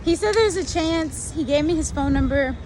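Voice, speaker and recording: A chatty woman talking in a casual vlog, her voice sitting a bit high. She sounds excitable and leans on casual slang. Steady noisy ambience runs behind her. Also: moderate pace. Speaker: reptile keeper vlogger.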